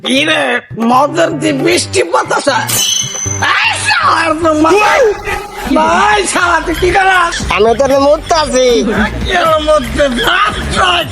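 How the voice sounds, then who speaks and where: Guy doing a belligerent drunk bangladeshi man, really high voice, whiny rambling comedy skit, loud music behind. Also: very animated, a little slow, full character voice. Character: belligerent drunk man, whining, scolding, pleading.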